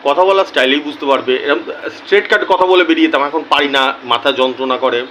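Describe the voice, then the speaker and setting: A man talking earnestly to his viewers as a YouTuber, slow and deliberate, often repeating key words for emphasis. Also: medium pitch, fairly bright tone, a little hiss or hum, poor audio. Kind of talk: earnest casual talk to camera.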